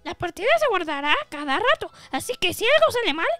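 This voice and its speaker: A fussy little male mushroom retainer, played by a woman, squeaks his lines in a bright, very high, sing-song voice. He bounces up and down in pitch as he chatters, with faint game music behind him. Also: big pitch swings, a little fast, heavily acted. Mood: chatty. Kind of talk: reading game dialogue aloud in voices.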